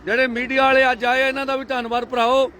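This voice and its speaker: A man giving energetic live commentary outdoors by a highway among tractors, urging viewers again and again to share, on a handheld phone. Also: quick pace, slight background noise. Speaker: live-stream reporter at a farmers' convoy.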